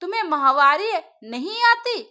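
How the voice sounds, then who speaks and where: A woman voicing a shrill scolding mother-in-law. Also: big pitch swings, unhurried, pushed and bright, muffled recording, heavily acted. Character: stern traditional older mother-in-law.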